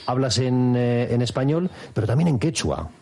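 A man's voice: medium pitch, very animated, moderate pace, darkish tone. A man hosting a radio interview, asking questions in a chatty, enthusiastic way. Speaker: radio host.

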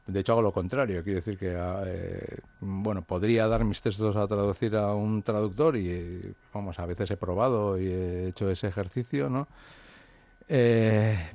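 In an interview conversation, a Basque author talks through his ideas hesitantly and reflectively, with many fillers and restarts. His voice is fairly low and darkish, recorded without any room sound.

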